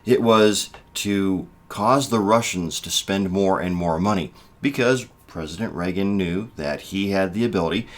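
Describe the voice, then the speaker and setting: A man in his fifties speaks in a fairly low voice, giving political commentary straight to camera. He talks in a measured, halting way, restarting phrases and leaning hard on key words. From United States. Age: 50s. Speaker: political vlogger. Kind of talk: casual spoken commentary.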